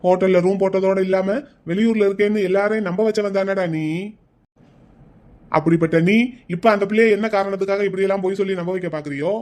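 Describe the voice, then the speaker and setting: A man voicing a grumpy, teasing old grandfather in a cartoon, with a gruff, mocking delivery. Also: sits high, steady tone, quick pace, darkish tone, lightly acted. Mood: scornful. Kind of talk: cartoon voice acting.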